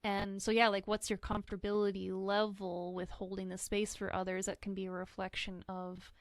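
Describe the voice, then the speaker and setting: Woman talking openly on a podcast, smooth clear voice, dry close sound. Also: medium pitch, level tone, moderate pace, no echo. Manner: earnest, reflective, acts out quoted voices. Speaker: guest sharing grief experience. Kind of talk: candid podcast conversation.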